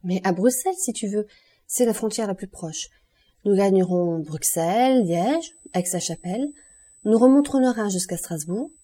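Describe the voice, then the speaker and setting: A woman's voice: mid-range voice, lively intonation, warm tone, lightly acted. A woman reading Eugénie, a bold young woman. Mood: confident. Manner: brisk, confident, teasing. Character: bold, daring young woman eloping in disguise.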